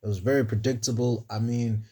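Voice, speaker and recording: A man's voice: medium pitch, steady tone, fairly quick, mellow, slightly rough. A man casually reviewing a wrestling show on his own, chatty and playful, talking straight to his viewers. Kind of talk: casual solo recap.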